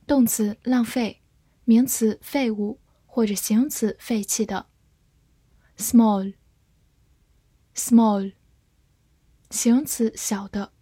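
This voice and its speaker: A woman teaching English vocabulary, reading each word slowly and carefully in a scripted lesson. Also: fairly high pitch, dark tone, breathy edge, dry recording.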